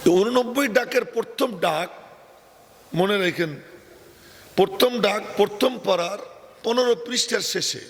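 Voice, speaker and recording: An older man preaches an open-air sermon to a crowd at a religious gathering, chatty and teasing, with asides. His high, creaky voice moves a little slowly and pauses often. A long hall echo and faint ambient noise color the recording.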